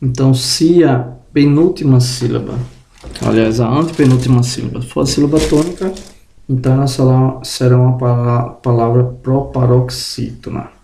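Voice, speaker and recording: A man giving a spoken grammar lesson, slowly drawing out example words and checking in with the viewer, slightly groggy and tripping over words. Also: mid-range voice, vocal fry, warm tone, roomy sound. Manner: tag questions to the viewer. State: just woke up, tongue tripping. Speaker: teacher.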